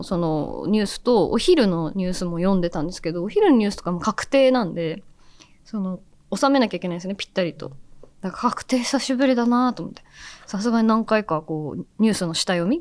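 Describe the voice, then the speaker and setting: A woman in her thirties hosting a radio show, chatting casually and softly, often dropping into near-whispers, and reading listener letters. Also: medium pitch. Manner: chatty, soft-spoken, drops into near-whispers. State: recovered from nasal congestion. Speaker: radio host and TV announcer.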